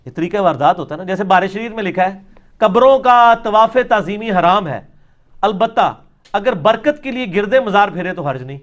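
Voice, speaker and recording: A man's voice: sits high, animated, lo-fi sound. A man giving a religious lecture, arguing and mocking his opponents' views. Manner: mocking, argumentative, mimics opponents.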